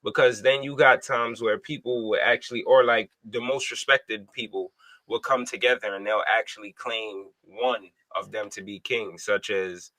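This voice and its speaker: A man with a bright, edgy tone co-hosts a casual livestream talk show. His voice is dry and close-miked. He thinks out loud in a rambling, slang-heavy way, often checking in with his partner. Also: lowish voice, steady tone, moderate pace, no room sound, low-quality recording. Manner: thoughtful, rambling slang-filled musing. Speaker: podcast co-host.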